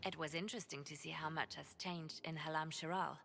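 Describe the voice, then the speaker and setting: A wry, reflective woman in a fantasy game, speaking low and measured. A loud orchestral score with timpani plays behind her. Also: steady tone, creaky, over music.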